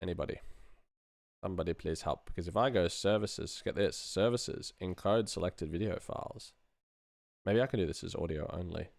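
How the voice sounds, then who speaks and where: On a dry recording, a middle-aged sound designer chats casually while streaming his work, thinking out loud with dry self-deprecation. His low voice carries vocal fry, sounds a little mellow and moves at normal speed.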